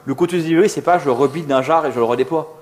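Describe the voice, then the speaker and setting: Speaking very fast in a highish voice, this conference speaker, a male software architect, keeps his tech talk colloquial and self-deprecating. He jokes his way through the presentation in front of a live crowd.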